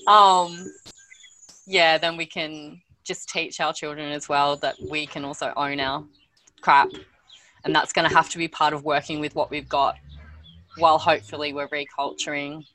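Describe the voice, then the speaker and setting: A woman with a low-pitched voice hosts a casual interview. She muses informally, thinking aloud. There is faint noise behind her voice. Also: level tone, normal speed, fairly bright tone, rough recording. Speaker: interview host. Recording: faint background noise and clicks.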